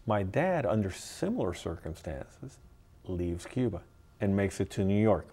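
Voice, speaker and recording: A man being interviewed as a guest, talking in an earnest, halting way with frequent restarts. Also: fairly low pitch, big pitch swings, mellow, husky. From United States. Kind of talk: casual interview chat.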